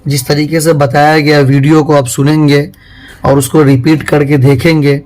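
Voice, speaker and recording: A man teaching Quran reading step by step, drawing out each syllable slowly in drills between plain explanations. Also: on the high side, little pitch movement, darkish tone, rough recording.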